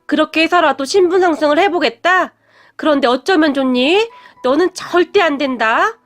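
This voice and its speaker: A woman's voice: sits high, animated, normal speed. A woman voicing a haughty, wealthy middle-aged mother who sneers and scolds her son's girlfriend. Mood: sneering haughty.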